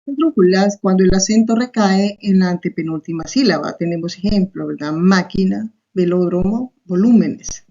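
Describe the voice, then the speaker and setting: Her pitch sits in the middle and her tone is mellow as she moves at a moderate pace with few pauses. She is a Salvadoran-accented teacher leading a recorded online lesson step by step, often tacking on a question, captured in a muffled lo-fi recording.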